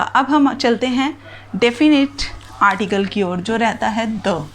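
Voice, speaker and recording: Slow-explaining woman teacher, higher voice. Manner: explains slowly, spells out letters and examples one by one. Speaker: English grammar teacher. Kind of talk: whiteboard grammar lesson.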